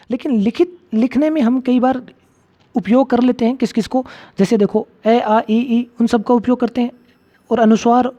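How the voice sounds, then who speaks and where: A man's voice: very high voice, dark tone. A man teaching a grammar lecture for exam students. He keeps asking the class questions and repeating his key points. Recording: slightly dull lo-fi audio.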